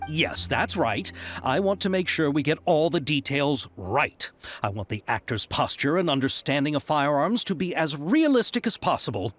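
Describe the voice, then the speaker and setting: An actor playing an excitable young male film producer in a game, eager and gushing. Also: on the high side, normal speed, soft background music. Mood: polite.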